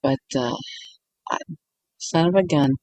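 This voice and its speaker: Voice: mid-range voice, a little slow, darkish tone, dry recording, low-quality recording. A YouTuber giving a casual late-night monologue meant to help people sleep, rambling with frequent restarts and often breaking into giggles.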